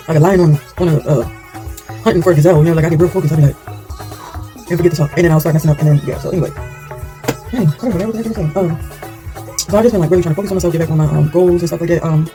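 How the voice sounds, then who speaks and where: A hair vlogger with a warm, lowish voice chats candidly while styling her own hair. She rambles and loses her train of thought along the way.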